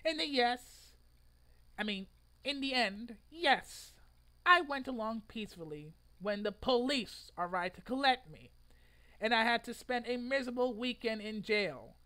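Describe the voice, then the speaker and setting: In a room at home, a young online video creator in his twenties gives a theatrical, exaggerated reading of a written post, punctuated by abrupt loud outbursts. His very high-pitched voice is clear and resonant, and he speaks a little slowly.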